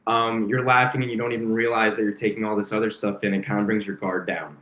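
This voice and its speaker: A man's voice: on the low side, little pitch movement, quick pace, fairly bright tone. A man interviewing filmmakers, friendly and agreeable, nudging guests with follow-up questions. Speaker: festival interviewer. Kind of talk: casual interview. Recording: echoey room.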